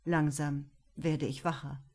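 A woman narrating a first-person literary story in a calm, measured way as an audiobook reader. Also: low-pitched. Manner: calm, measured, unhurried delivery.

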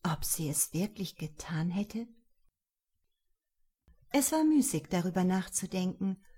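A woman narrating a novel in an expressive, lively reading voice. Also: lowish voice, measured pace, slightly rough. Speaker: audiobook narrator.

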